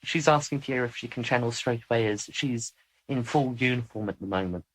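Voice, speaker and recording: A woman moderating a channeling session, brisk and joking with the sitters. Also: extremely low pitch, low-quality recording. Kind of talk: channeling session, casual chat.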